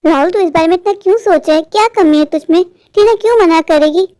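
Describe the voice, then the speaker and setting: A fussing, affectionate mother bird, voiced by a woman in a cartoon, doting on her son and fearful of loneliness. Her voice is very high. The recording is dry and close. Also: fast talker, dark tone, no echo. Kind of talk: cartoon voice acting.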